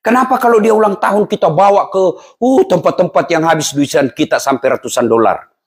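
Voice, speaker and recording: Animated preacher, voice high and lively. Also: male voice, a little fast, breathy edge. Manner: animated, swings from loud to hushed, acts out quoted parents and children. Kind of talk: lively sermon to a live congregation.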